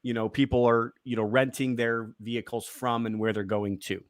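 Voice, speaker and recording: A man's voice: mid-range voice, flat delivery, normal speed. A man as an interview guest, rambling casually with many fillers and restarts.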